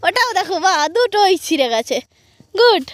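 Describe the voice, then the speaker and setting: Hoarse, high-voiced woman vlogging outdoors. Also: sing-song, moderate pace, no echo. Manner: playful, teasing, mock-complaining. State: hoarse from a cold. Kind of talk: casual vlog chat to viewers. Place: outdoors in open farm fields.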